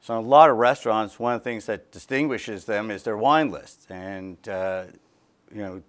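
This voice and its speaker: A man's voice: lowish voice, normal speed. Middle-aged male TV interview host. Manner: gestures with both hands, long detailed questions. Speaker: talk show host. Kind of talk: studio interview. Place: small TV studio with dark curtains. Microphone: lapel mic.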